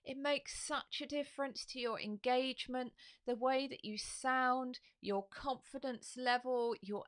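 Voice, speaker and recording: Slow-speaking woman voice coach. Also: sits high, clean tone. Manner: lively, demonstrative, laughs often. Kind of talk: instructional live video. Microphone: studio microphone on a stand.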